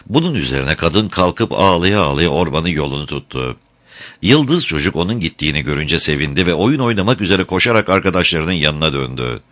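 A man narrating a fairy tale in an expressive, scripted storytelling style. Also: sits low, brisk.

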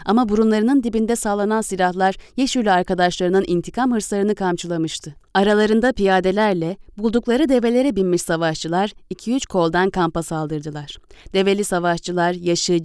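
Smooth, clear-voiced woman narrating an audiobook. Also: mid-range voice, a little mellow, dry recording, clean studio sound. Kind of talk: scripted narration of a historical novel.

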